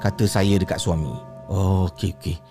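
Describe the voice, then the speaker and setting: A man's voice: fairly even intonation, moderate pace, music in the background. A man with a Malaysian Malay accent narrating a ghost story dramatically, acting out the people he quotes. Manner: acts out quoted voices with big pitch swings.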